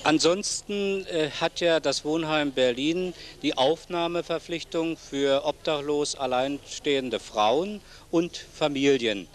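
Seated among plants at a senior citizens' centre, a middle-aged man conducts a local TV interview, polite and formal as he holds a handheld mic. He talks slowly with few pauses, in a slightly high voice. The audio has the noise of old TV footage.

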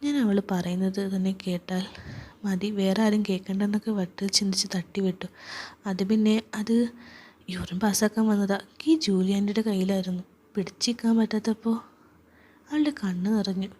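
A woman narrates in a hushed whisper, her voice soft and airy. Her pitch sits in a middle range, and she tells the story as whispered storytelling in the first person. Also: fairly even intonation, moderate pace.

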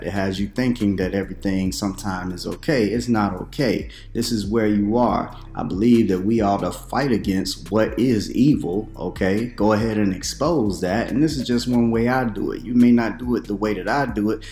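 A man in his thirties talks to camera as a preacher, chatty and questioning, with animated asides. His voice sits a little low. The home room rings noticeably, and faint music plays underneath. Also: echoey room. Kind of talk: casual commentary to camera.

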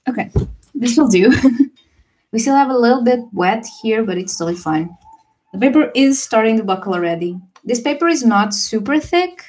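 A young woman livestreaming a watercolor session, chatting casually and relaxed with fillers and small laughs. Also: fairly high pitch, normal speed. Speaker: watercolor artist streamer. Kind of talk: casual livestream chat while painting.

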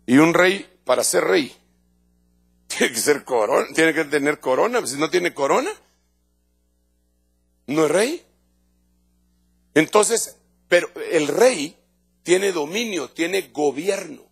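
A middle-aged Guatemalan pastor preaches to his congregation in an emphatic, conversational way, repeating phrases and restarting his sentences. His voice sits high for a man, with a gravelly, husky edge. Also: expressive, slow, pauses often. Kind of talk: evangelical sermon. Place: church in front of a congregation.

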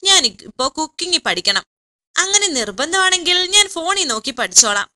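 A woman's voice: very high-pitched, big pitch swings, normal speed, bright, forceful tone, heavily acted. A woman voicing a sulky, dismissive young woman, in a serial story recap.

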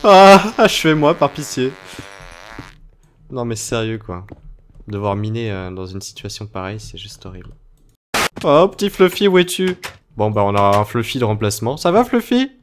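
A young man giving playful let's play commentary on a game, often breaking into high, panicked shouts. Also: expressive, moderate pace, slight background noise. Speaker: gaming video host.

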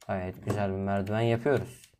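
A man doing solo gameplay commentary, chatting to viewers, drifting from low mumbling into sudden loud exasperated outbursts and curses. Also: little pitch movement, fairly quick, slight background noise. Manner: cursing, exasperated asides to viewers. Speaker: gaming video host.

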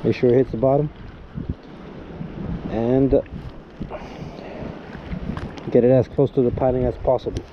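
A man's voice: mid-range voice, moderate pace, highs cut off. A man casually explaining fishing steps to viewers from an outdoor pier, recorded on a chest-mounted action camera. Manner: excitable, talks viewers through each step. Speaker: fishing vlogger. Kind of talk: casual how-to commentary. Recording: wind noise on an action camera.

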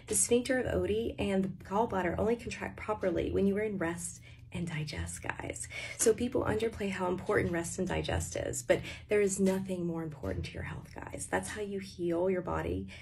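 A woman's voice: mid-range voice, animated, a little fast, vocal fry, darkish tone, slight background noise. A woman in her thirties telling a personal health story in a casual, earnest, explanatory way to her followers, recorded on a phone in a small wooden sauna. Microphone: phone at arm's length.

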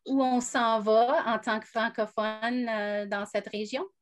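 A woman's voice: fairly high pitch, steady tone, takes it slowly. A woman, hosting a webinar and thanking guests politely over a video call. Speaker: webinar host. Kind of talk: closing remarks.

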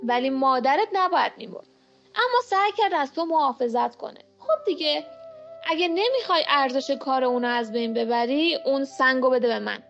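A woman voicing an evil, snake-faced male dark lord spirit who speaks with cold menace in a storybook reading. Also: high voice, animated, gravelly, faint music behind, heavily acted. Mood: taunting. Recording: muffled lo-fi home recording.

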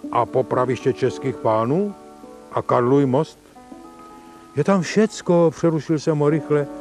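A man with a Moravian Wallachian accent, a writer reading his own memoir aloud in measured storytelling, slipping into folksy dialect for the quoted speech. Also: mid-range voice, darkish tone. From Moravian Wallachia, Czechia.

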